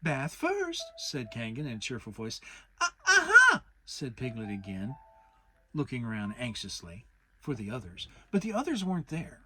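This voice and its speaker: A man giving a dramatic reading of a children's storybook, expressive, with big jumps into character voices. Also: medium pitch, normal speed, slight background noise. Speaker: audiobook narrator.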